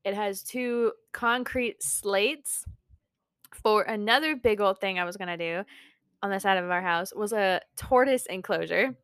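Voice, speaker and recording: A woman's voice: mid-range voice, measured pace, a bit bright, clean tone, no echo, clean studio sound. A young woman who runs a small craft business, talking in a casual, rambling vlog that keeps interrupting itself. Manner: rambling, self-interrupting and frank.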